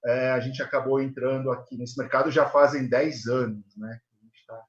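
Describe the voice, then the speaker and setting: A man, a guest in a live interview, speaking earnestly and haltingly with many fillers. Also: mid-range voice, steady tone. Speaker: guest, elder care manager. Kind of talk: live video call interview. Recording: echoey, dull video call audio.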